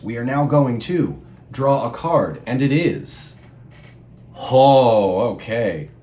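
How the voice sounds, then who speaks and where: A man in a casual chat, calmly walking a co-player through card game rules with playful asides. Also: mid-range voice, takes it slowly. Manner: clear, patient rule explanations with playful asides. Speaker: guest co-player explaining the rules. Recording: echoey room with faint background hum.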